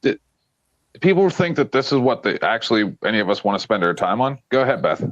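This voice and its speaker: A man's voice: medium pitch, sing-song, fairly quick, lo-fi sound, slight background noise. A sarcastic man hosting a casual political discussion. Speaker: discussion host.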